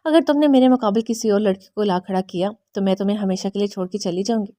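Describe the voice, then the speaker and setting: A woman's voice: medium pitch, mellow, dry recording, natural voice. A woman reading the lines of an emotional young wife who bristles at her husband's jokes. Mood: indignant.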